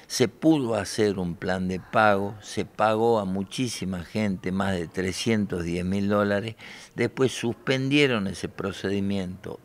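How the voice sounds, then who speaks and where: A man's voice: sits low, a bit bright. A man in his forties from Argentina, a lawyer answering press questions in a combative, indignant way, with handheld reporter mics held close. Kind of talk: press interview. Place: bright room by large windows.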